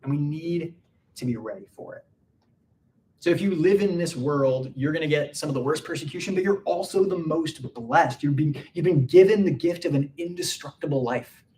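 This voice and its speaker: A man's voice: on the high side, moderate pace, dark tone, recorded from a distance. A man preaching a casual midweek sermon, chatty and full of "like" fillers. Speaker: pastor.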